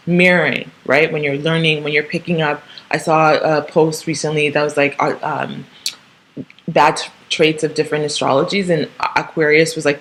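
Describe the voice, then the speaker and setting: A woman in her thirties who grew up in Canada speaks in a low voice on a rough recording. Hosting a casual solo podcast, she rambles, with frequent ums, restarts and tag questions.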